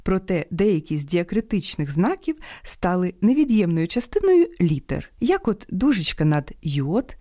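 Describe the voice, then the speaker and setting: A woman hosting an educational radio program, reading a script in a measured, precise way. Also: lowish voice, very animated, mellow, dry recording, studio quality. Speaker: radio host. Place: radio studio.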